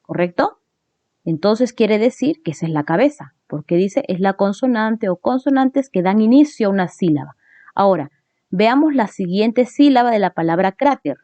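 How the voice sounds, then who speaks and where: A woman's voice: mid-range voice, expressive, normal speed, warm tone, dry recording. A woman teacher explaining a grammar lesson step by step, often checking in with tag questions. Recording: dull lo-fi recording.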